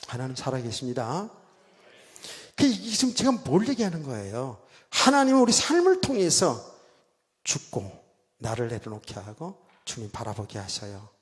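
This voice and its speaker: A middle-aged male pastor preaching a sermon, telling a story with loud bursts and hushed asides and often asking his listeners to agree. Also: a little high. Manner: animated storytelling, swings from loud exclamations to quiet asides; keeps asking the congregation for agreement. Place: church sanctuary. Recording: church hall reverb.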